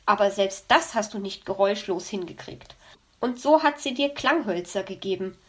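A woman voicing a cheerful, teasing female elf in a children's audiobook, explaining and joking in a lively way. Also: mid-range voice, moderate pace, natural voice. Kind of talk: audiobook reading.

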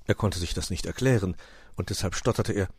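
A man narrating a children's story in a lively, expressive way. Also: sits low, brisk, breathy edge, dry recording, clean studio sound.

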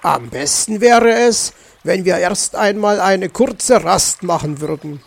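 Man reading a cranky, penny-pinching fox uncle for a kids' audiobook, high, creaky grumble. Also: lively intonation, slow pace, full character voice. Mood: grumbling. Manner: grumbling, indignant. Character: grumpy stingy male fox uncle. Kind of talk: children's audiobook.

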